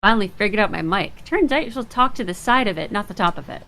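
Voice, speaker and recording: A woman's voice: mid-range voice, animated, very fast, gravelly, sharp tone. A woman co-hosting a casual show, chatty and laughing often as she talks. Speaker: podcast co-host. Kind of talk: casual chat.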